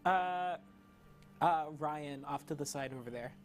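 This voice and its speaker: A man's voice: on the high side, measured pace, slight background noise. A young man co-hosting a casual student TV chat, offhand and teasing, often hesitating. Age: young adult. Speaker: co-host. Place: college TV studio.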